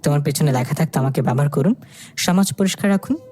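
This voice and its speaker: Sharp-tongued mocking young woman, as a narrator puts her on. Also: mid-range voice, fast talker, soft background music, voice pushed down, close to an everyday voice. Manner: teasing, mocking.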